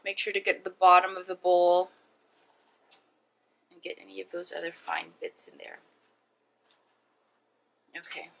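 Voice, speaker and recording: Her voice is lowish and fairly bright, with vocal fry, a flat delivery, and an unhurried pace broken by long pauses. She's hosting a laid-back cooking video, chatting informally through each step and calling viewers "guys" and "friends."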